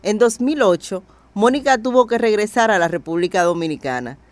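A documentary narrator reads a scripted life story with a measured, even delivery. The sound is dry and close, with no room around the voice. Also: mid-range voice, no echo.

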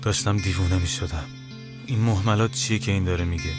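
Deep voiced guy reading a scary audio story, dramatic, guitar music going behind him. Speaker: narrator and writer. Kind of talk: scripted first-person horror narration.

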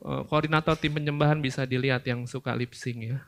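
A young man, preaching a lively youth sermon, swinging between loud outbursts and quiet earnest asides. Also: medium pitch, fast talker, vocal fry, clear, resonant tone. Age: young adult. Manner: casual slangy Jakarta-style delivery.

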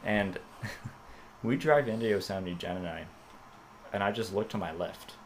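A man hosting a casual chat, laid-back and lively when he tells a story. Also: lowish voice, unhurried, slight background noise.

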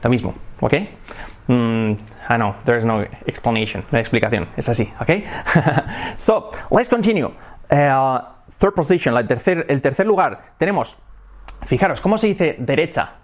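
A man with a Spain Spanish accent teaching English in a bilingual lesson, repeating words slowly and switching between English and Spanish. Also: medium pitch, sing-song.

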